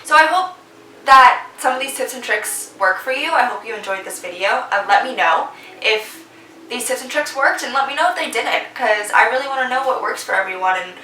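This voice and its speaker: A woman's voice: fairly high pitch, expressive, fairly quick, bright, forceful tone, recorded from a distance, a little hiss or hum. A young woman vlogger giving casual, encouraging competition advice, chatty with lots of fillers. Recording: echoey room, voice a bit off-mic.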